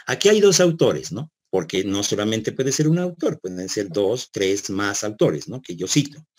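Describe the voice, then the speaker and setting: A male lecturer explains a point step by step to his students. He repeats words as he works out his phrasing and keeps checking in with a quick "¿no?". He often puts questions to the class. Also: medium pitch. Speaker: university lecturer.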